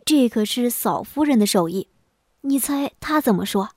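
A woman voicing a talkative, easily impressed scholar husband in a storybook tale, speaking a little lower. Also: lively intonation, moderate pace, darkish tone, breathy edge, no room sound, clean studio sound. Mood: admiring.

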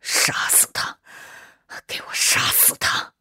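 A woman's voice: takes it slowly, sharp tone, in a whisper. A woman voicing an injured, bitter young man who groans and mutters in pain.

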